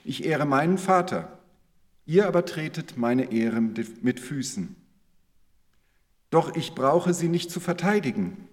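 Jesus as an earnest, steady male teacher, read by a preacher, his voice moving with a lively melody and carried on the long reverb of a church hall. The delivery is measured and unhurried, a reading of scripture. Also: fairly high pitch.

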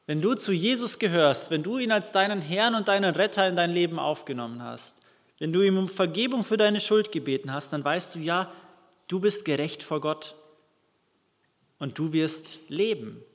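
A man's voice: high voice, animated, normal speed, long reverb tail. A man preaching a sermon, reading a Bible passage and explaining it earnestly to his congregation, with some restarts.

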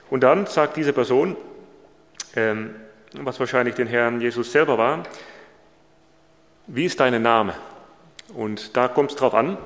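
Gravelly-voiced preacher in a reverberant hall. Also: male voice, mid-range voice. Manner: casual, frequent tag questions and fillers. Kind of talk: informal sermon on a Bible passage.

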